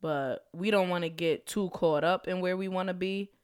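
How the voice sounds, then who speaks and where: A young woman, a school counselor who hosts her own podcast, delivers a casual solo monologue full of slang and frequent laughter, slightly congested from a cold. Her fairly low voice is steady at a moderate pace, with a clean tone in clean studio sound free of room sound.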